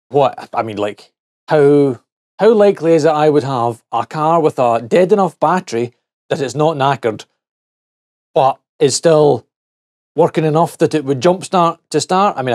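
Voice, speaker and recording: Taking a gadget apart on camera, a middle-aged reviewer keeps up a casual, joking running commentary, much of it addressed to himself. His mid-range voice is darkish, captured in clean studio sound without any room ambience.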